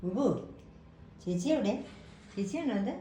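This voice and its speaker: A woman's voice: mid-range voice, animated, unhurried. A woman, a mother, coaxing and calling out to a little one in a sing-song way at home. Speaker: mother in a family vlog. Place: home room. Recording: roomy with loud vehicle noise behind.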